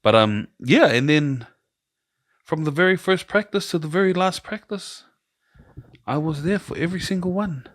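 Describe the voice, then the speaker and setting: Slightly high and animated, a middle-aged New Zealand man hosts a relaxed podcast conversation at moderate speed. He spins long, rambling tales and performs the voices of the people he quotes. The recording is dry and clean, studio-made.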